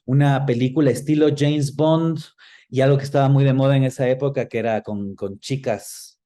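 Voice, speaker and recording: A man of around forty with an Ecuadorian accent answers interview questions reflectively, explaining things and often searching for words. His mid-range voice is steady and dark-toned, at a moderate pace.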